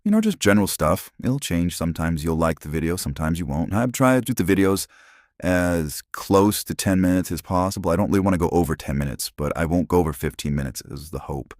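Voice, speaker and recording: A man's voice: lively intonation, a little fast, a little mellow, dry recording, studio quality. A man in his forties from Arizona, talking through a voice changer, rambling casually with many restarts into a phone. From Arizona, USA. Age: 40s. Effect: voice changer, pitched very deep. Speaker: channel host.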